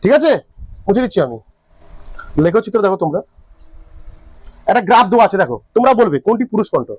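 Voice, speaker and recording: Teaching physics in a classroom, a man talks fast and very animatedly in a high-pitched voice. He repeats his questions to students and keeps checking that they follow.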